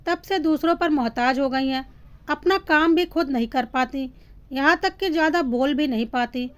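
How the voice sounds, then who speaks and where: High-voiced woman narrator for a family story, steady reading.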